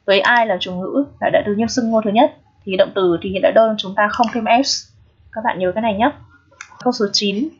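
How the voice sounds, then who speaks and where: A woman's voice: mid-range voice, fairly quick, husky. A woman teacher explaining English grammar step by step, checking in with her students often. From Vietnam. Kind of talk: recorded grammar lesson. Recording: dull, lo-fi sound.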